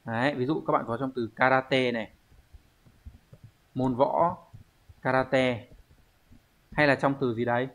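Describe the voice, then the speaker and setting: A man teaching an online language lesson, explaining step by step at an unhurried pace and thinking aloud with pauses. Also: medium pitch, fairly even intonation. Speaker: Japanese teacher.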